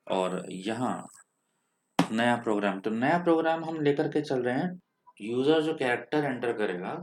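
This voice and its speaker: A man with an Indian accent patiently walks through programming step by step in a screen-recorded coding tutorial, mixing in English terms. His voice is medium-pitched and darkish, with slight background noise.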